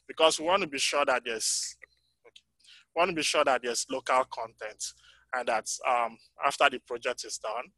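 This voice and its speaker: Male panel speaker, bright forward tone, dry close sound, halting delivery with frequent ums. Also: mid-range voice, dry recording, rough recording. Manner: halting, many ums, voice fading in and out. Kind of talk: conference breakout talk. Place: conference breakout room.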